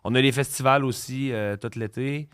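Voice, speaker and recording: A man with a Québécois French accent, a musician guest on a podcast, talking in a laid-back, hesitant way with many pauses. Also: medium pitch, steady tone, fairly bright tone, clean tone, no echo, clean studio sound. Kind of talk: casual interview chat.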